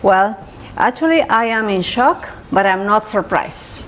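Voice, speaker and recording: Female morning show commentator, mid-range voice, halting and deliberate phrasing. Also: medium pitch, lively intonation, a bit bright, slight background noise, low-quality recording. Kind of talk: conversational news commentary.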